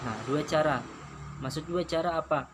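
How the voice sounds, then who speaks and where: A man teaching English to children in a slow, patient manner, repeating each phrase and giving its meaning, with an Indonesian accent. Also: on the high side, background noise. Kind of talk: slide-based English lesson explained in Indonesian.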